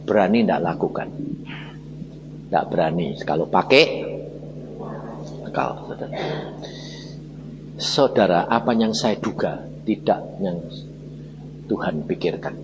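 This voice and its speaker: A man with a Javanese-tinged Indonesian accent preaching a lively testimony sermon, acting out the dialogue and addressing listeners as brothers and sisters. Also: low-pitched, unhurried, long pauses, noisy background. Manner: animated storytelling, acts out dialogue, addresses listeners as saudara. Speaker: evangelist preacher. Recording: reverberant hall with faint ambience.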